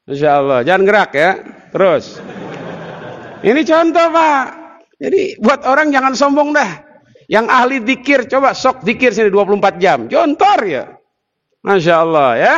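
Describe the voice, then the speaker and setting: Lively high-voiced male preacher, hall echo. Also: normal speed, pauses often, lo-fi sound. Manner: lively, teasing, jokes with the crowd. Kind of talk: sermon.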